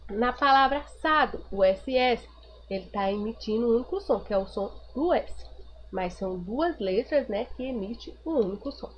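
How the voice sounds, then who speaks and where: A woman's voice: on the high side, expressive, moderate pace. A woman teacher giving a recorded grammar review lesson, patiently repeating each point and asking the class rhetorical questions. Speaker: primary school teacher. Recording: dull lo-fi recording with faint noise.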